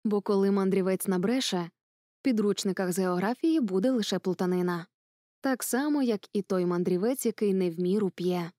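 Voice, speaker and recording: A woman's voice: mid-range voice, brisk, mellow, no room sound, clean studio sound, close to an everyday voice. A woman voicing a pompous, self-important old male geographer in a storybook reading, lecturing at length.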